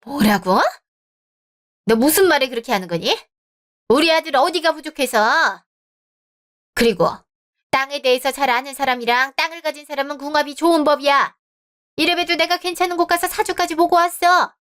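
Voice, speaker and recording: A woman's voice: sits high, normal speed, long pauses, a bit bright. A woman voicing a pushy, scheming middle-aged mother-in-law in a scripted radio drama, wheedling and self-justifying. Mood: indignant.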